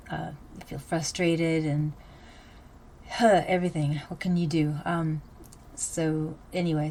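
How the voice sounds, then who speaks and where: Low, mellow older woman, hesitant. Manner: hesitant, meandering. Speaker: host. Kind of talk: casual rambling monologue. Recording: background noise and ambience.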